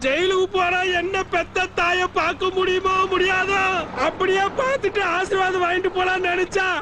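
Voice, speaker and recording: A man's voice: very high voice, little pitch movement, normal speed, heavy background noise. A man playing a tearful young thief under arrest in a film comedy, wailing and pleading. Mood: weepy.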